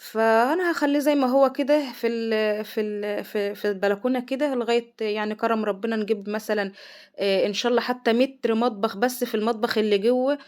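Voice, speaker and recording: A middle-aged Egyptian woman chatting rapidly through a home cooking vlog, exclaiming over the food. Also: on the high side, fairly even intonation, a little mellow. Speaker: vlogger, mother. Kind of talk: casual cooking vlog chat. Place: home kitchen.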